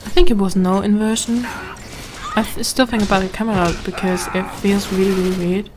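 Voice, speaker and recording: A woman with a German accent does let's play commentary, chatting and reading game text aloud as she plays, with game music behind her. Her voice is medium-pitched and fairly even, moving a little fast.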